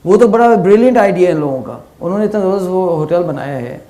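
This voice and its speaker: A middle-aged male teacher giving a conversational lecture, telling lively stories and asking his listeners questions, with English phrases mixed in. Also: high voice. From Pakistan. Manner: animated storytelling with rhetorical questions and English phrases.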